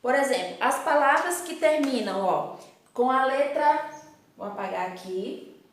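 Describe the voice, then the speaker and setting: A woman's voice: sits high, expressive, a little slow. Echoey, distant woman teacher. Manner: explanatory, asks rhetorical questions with frequent tag "né". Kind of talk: classroom lesson to pupils.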